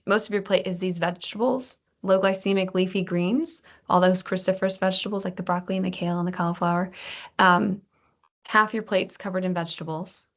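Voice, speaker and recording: A woman with a low, gravelly voice gives a casual health lesson. She talks in a loose, conversational way, full of restarts and small fillers, and she sounds like she is explaining things to patients. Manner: chatty, restarts often, uses fillers. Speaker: health presenter.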